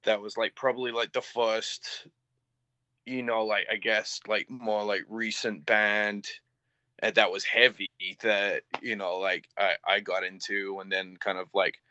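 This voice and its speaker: In a flat delivery, a young man with an accent mixing English and Canadian, a band's vocalist, chats haltingly as an interview guest, full of fillers and casual swearing. His lowish voice is pushed and bright with no room sound, and the lo-fi recording is a little dull.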